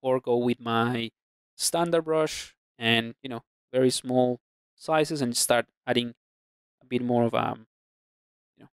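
With his medium-pitched, clean-toned voice, a ZBrush instructor narrates a screen-recorded 3D sculpting tutorial, casually going over his brushes amid frequent fillers and restarts as he thinks aloud. He records a close-miked voice-over on the screen capture, at studio quality with no room sound.

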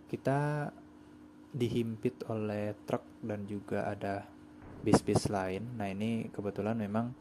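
A man's voice: lowish voice, fairly even intonation, a little slow, background noise. A young man chatting casually in slang while he plays a bus driving game, hosting his own gaming channel.

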